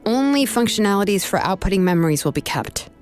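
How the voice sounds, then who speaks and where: Woman playing assured young craftswoman, medium pitch, lively intonation, practical, kind, game dialogue, faint music. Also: quick pace, lightly acted. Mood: firm. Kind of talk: video game voice acting.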